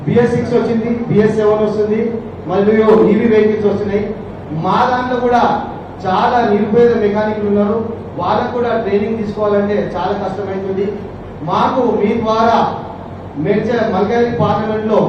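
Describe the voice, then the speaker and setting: A man's voice: high-pitched, lo-fi sound. A man representing a mechanics' association, making an earnest appeal in a public speech at a gathering. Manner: earnest appeal, rising to loud rallying calls. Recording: echoey hall, distant mic, noisy.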